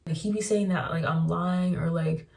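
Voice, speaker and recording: A woman's voice: fairly low pitch, steady tone, normal speed, vocal fry, darkish tone, far from the mic. A young woman telling a storytime in a chatty way, filling her talk with "like". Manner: chatty, fills with "like", recounts texts. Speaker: vlogger. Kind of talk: casual storytime vlog.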